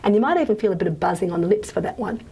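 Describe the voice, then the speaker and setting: A woman lecturing on phonetics in a casual, recorded class. She fills her talk with ums and frequent "okay?" checks, sounds out example consonants, and pauses while she writes and erases on the board. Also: medium pitch, expressive, dark tone, slightly rough.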